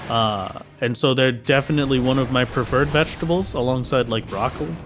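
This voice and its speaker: A man's voice: medium pitch, fairly quick, over music. An Irish man chatting casually on a live game stream, rambling with lots of "like" and "uh" fillers. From Ireland. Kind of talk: casual live-stream chat while gaming.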